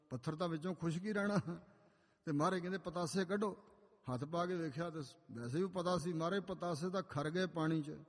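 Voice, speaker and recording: A man preaching a sermon, his voice pitched a little high for a man. He tells stories and slows into chanted scripture lines, and a long hall reverb trails after each phrase. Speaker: preacher giving katha. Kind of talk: sermon with sung scripture quotes.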